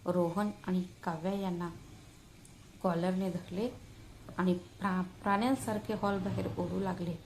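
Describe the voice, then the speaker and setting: A woman narrating a scripted family drama story as a channel storyteller, reading in a slow, deliberate, dramatic way. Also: on the low side, dark tone, slight background noise, poor audio.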